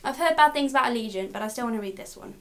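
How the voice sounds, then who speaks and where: A woman's voice: fairly high pitch, animated, rapid-fire, slight background noise. A young woman in casual chat as a book vlogger, giggly and saying "like" a lot. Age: young adult. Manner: chatty, giggly, says "like" a lot.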